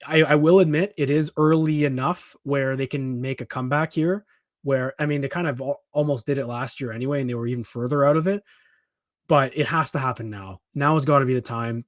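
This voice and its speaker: A man co-hosting a sports podcast, talking in an emphatic, animated way with frequent restarts. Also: medium pitch, dry recording, studio quality. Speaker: podcast co-host. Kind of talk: casual sports talk.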